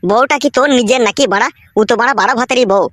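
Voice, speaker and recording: A woman's voice: a little high, very fast, a bit bright, no room sound, close to an everyday voice. A woman voicing a crude, mocking young male friend in a comedy cartoon. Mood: teasing. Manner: crude, needling.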